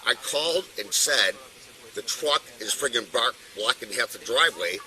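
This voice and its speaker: Drunk middle-aged guy rambling and swearing, super bright voice, caught on a body cam outside. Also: mid-range voice, lively intonation, moderate pace, rough recording. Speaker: resident in a neighbor dispute. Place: outdoors on a residential street. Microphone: officer's body camera.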